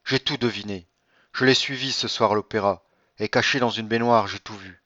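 A man's voice: on the low side, moderate pace, bright, forceful tone, dry recording. A man reading an audiobook, voicing an anguished noble mother who pleads with emotion. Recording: dull lo-fi dry recording.

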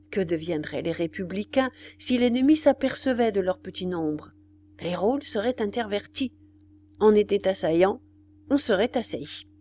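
A woman's voice: mid-range voice, mellow, slight background noise. Woman reading a novel dramatically. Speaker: narrator. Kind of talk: audiobook narration.

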